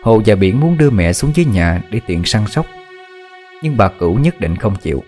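A man narrating a dramatic horror story in a measured, expressive storytelling manner. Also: lowish voice. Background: faint music.

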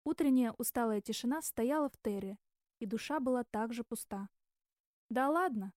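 A woman reading a novel aloud in steady, even narration. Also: a little high, a little fast, no room sound, studio quality. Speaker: audiobook narrator. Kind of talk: scripted narration.

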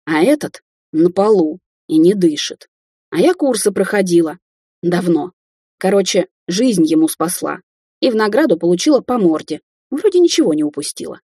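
A woman's voice: fairly low pitch, very animated, normal speed, warm tone, husky, no echo, clean studio sound, heavily acted. A woman reading an audiobook, voicing a fiery, blunt young woman who snaps back indignantly. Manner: snapping, outraged.

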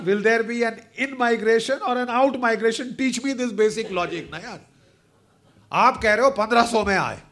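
Older male lecturer, north Indian accent, high-pitched, combative, emphatic delivery mixing English and Hindi. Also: a bit bright. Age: older, over 60. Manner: combative, emphatic, rhetorical questions to the audience. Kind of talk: impassioned public lecture, switching between English and Hindi.

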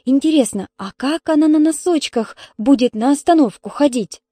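A woman's voice: sits high, moderate pace, warm tone, dry recording, clean studio sound, voice pushed up, natural voice. A woman doing a small curious little girl. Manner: wondering, eager.

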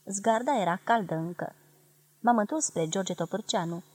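A woman from Romania giving a measured, expressive literary reading of a memoir. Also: mid-range voice. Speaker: reader of a memoir.

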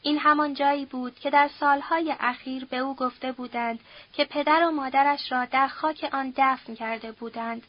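A woman reading a novel aloud as an audiobook narrator, at a steady, measured pace. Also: high voice, lo-fi sound. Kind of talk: scripted narration.

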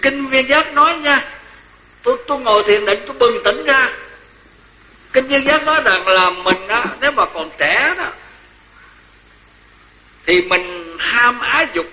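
An older man with a Southern Vietnamese accent, a senior Buddhist monk giving a lively, joking dharma talk that repeats phrases for emphasis. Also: extremely high pitch, measured pace, pauses often, slight background noise, poor audio.

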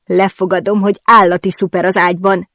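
A woman doing a giddy loudmouth girlfriend, higher and pushier than the reader, dry close sound. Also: little pitch movement, no room sound, lightly acted. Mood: gossipy. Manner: blunt, giddy and teasing. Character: brash, carefree young woman friend, gossipy.

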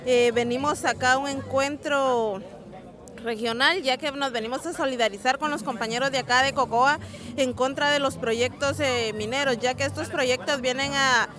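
A Guatemalan woman answers a radio interview in a high, hesitant voice, pausing on fillers. A crowd is clearly heard around her. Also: steady tone. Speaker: activist. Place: outdoors at a march.

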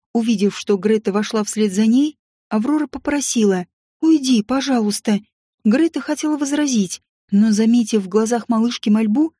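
A woman narrating an audiobook story in a calm, even reading voice. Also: on the high side, breathy edge, no room sound, clean studio sound.

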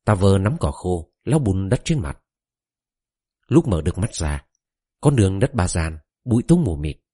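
A man narrates a novel in the first person with a deep, dark voice. His pitch swings widely as he tells the story, and he voices each quoted character in turn. The sound is dry and close, with no room around it. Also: sing-song, unhurried, breathy edge, no room sound. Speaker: audiobook narrator.

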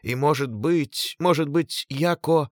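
A man's voice: on the high side, slow pace, no room sound, studio quality, voice pushed up. A man doing a timid, stammering guard captain. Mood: fearful. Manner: hesitant, stammering. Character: frightened male chief of the guard.

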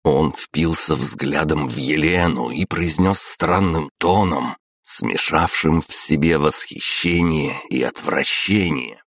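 A male audiobook narrator reading a fantasy novel with steady, dramatic storytelling. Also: very deep voice, slow, few pauses, no room sound, clean studio sound.

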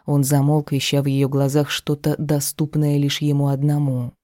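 An audiobook narrator reading a romance fantasy novel in an even, measured way. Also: medium pitch, dry recording, studio quality.

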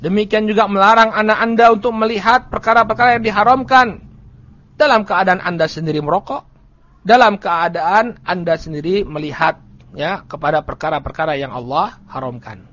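High-voiced man teaching on lo-fi audio. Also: normal speed, a bit bright. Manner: chants Arabic text, then explains it, with frequent "ya" asides. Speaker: Islamic teacher. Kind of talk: religious study lecture. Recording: dull lo-fi audio.

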